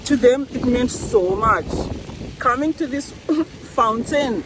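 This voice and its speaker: An earnest woman speaks from the heart about her faith while standing beside a park fountain. Her recording is noisy, with running water and outdoor ambience clearly heard around her voice. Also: on the high side, lively intonation, takes it slowly. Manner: earnest, tearful-tinged, faith-filled testimony. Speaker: vlogger. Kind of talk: emotional personal monologue.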